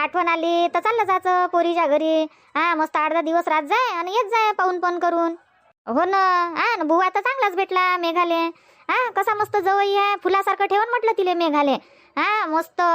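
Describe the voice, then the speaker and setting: A woman's voice: very high voice, normal speed, fairly bright tone, no echo. A woman voicing a chatty village aunt in a cartoon, with a Varhadi Marathi accent and a soothing, gossipy way of talking. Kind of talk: cartoon comedy voice acting.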